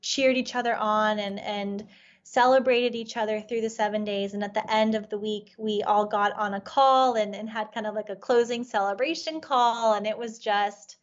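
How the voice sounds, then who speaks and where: A woman speaks at normal speed with medium pitch and fairly even intonation, over audio with the highs cut off. She is a life coach whose first language is Farsi, telling a personal story on a podcast interview in an earnest, reflective way with plenty of "you know" fillers.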